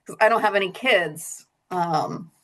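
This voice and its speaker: A woman's voice: fairly low pitch, a little slow, a bit bright. A woman who works as a substitute teacher, chatting in a casual group check-in, rambling and laughing between phrases.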